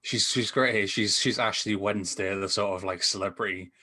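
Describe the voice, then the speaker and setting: A film reviewer co-hosts a podcast over a video call from an indoor room hung with posters, rambling with enthusiasm in a stop-start, casual way. His fairly low voice is steady, brisk, bright, and forceful.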